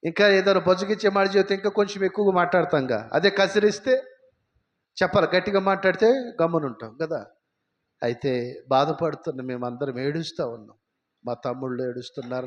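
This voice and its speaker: A man's voice: mid-range voice, highs cut off. A man preaching a sermon with personal testimony, emphatic and firing rhetorical questions at the congregation. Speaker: pastor. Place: church.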